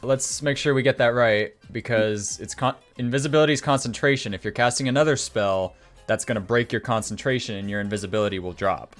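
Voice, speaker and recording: A man's voice: mid-range voice, a little fast, faint music behind. A man running a tabletop game as game master, patiently walking players through the rules. His voice sits mid-range. He laughs easily.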